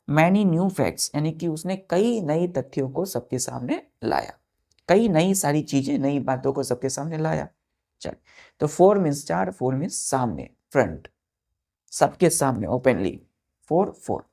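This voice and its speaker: A woman's voice: low voice, vocal fry, warm tone. A woman teaching a vocabulary class, spelling words letter by letter, asking the class questions and answering them herself.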